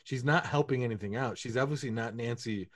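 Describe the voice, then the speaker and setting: A man's voice: medium pitch, fairly quick, no echo. A man co-hosting a podcast, chatting casually with blunt, profane banter. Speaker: podcast co-host. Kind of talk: casual chat.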